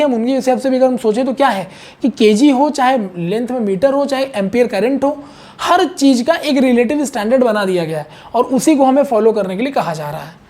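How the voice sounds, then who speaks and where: This man's voice is very high and somewhat dark in tone. He's teaching chemistry online, explaining things in a chatty, repetitive manner and frequently asking whether his students are following.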